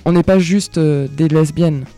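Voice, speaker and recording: A man reading aloud in the first person as a tired, worn-down butch narrator, speaking slowly. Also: on the high side, steady tone, mellow, faint music behind, natural voice. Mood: defiant.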